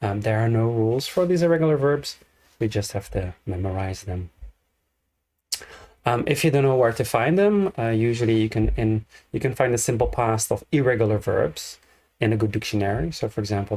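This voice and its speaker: A man teaching an English grammar lesson, explaining slowly and repeating each example. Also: fairly low pitch, darkish tone.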